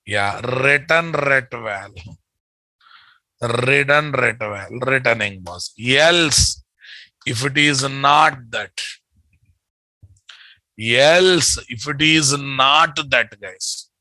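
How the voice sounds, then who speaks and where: A man's voice: mid-range voice, slow pace, bright, forceful tone, no echo, rough recording. A man with a Telugu Indian accent teaching a programming lesson, repeating phrases and often checking in with his students. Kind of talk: live coding lesson.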